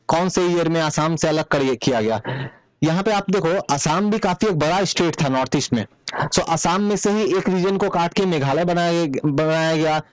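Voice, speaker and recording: A man's voice: on the high side, smooth, no echo, poor audio. A man teaching exam multiple-choice answers, explaining step by step and repeating key points, mixing English terms into his Hindi. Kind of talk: exam prep lecture.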